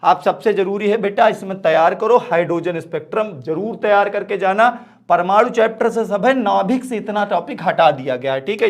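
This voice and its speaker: A man teaches an exam-prep physics lesson. He talks straight to his students, firm and familiar, and keeps checking that they follow. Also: high voice. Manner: direct, repeats "ठीक है" and calls students "बेटा".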